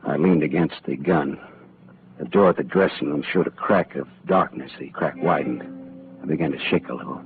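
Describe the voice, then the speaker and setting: A man's voice: rumbling low, normal speed. An actor playing a tough, wisecracking male private detective who also narrates, in a 1940s radio drama. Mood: narrating. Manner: hard-boiled, wry, clipped. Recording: tinny old radio broadcast with faint music.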